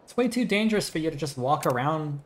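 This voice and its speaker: A man streaming a game, reading subtitles aloud and commenting in an unhurried, musing way. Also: a little high, very animated, slight background noise.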